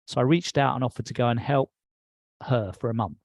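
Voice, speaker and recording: A man's voice: mid-range voice, brisk, a little mellow, dry recording. A middle-aged man with an English accent, a guest telling his life story in a reflective way. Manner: reflective, recounts with quoted dialogue. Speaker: interview guest. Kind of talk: personal storytelling.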